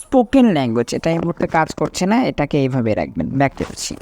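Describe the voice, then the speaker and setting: Lively male tutorial presenter, medium pitch. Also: rapid-fire. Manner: instructional, echoes each item then explains. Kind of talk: step-by-step spoken software tutorial.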